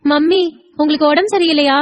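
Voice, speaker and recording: Small curious girl, very high childlike voice, read by a woman. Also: steady tone, brisk, faint music behind, lightly acted. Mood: eager. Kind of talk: audio drama reading.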